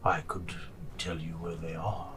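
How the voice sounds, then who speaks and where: A man voicing a pleading monstrous mimic that guards treasure, speaking haltingly in a deep rumble in a tabletop game. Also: flat delivery, recorded from a distance. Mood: bargaining. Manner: slow, halting, deliberate.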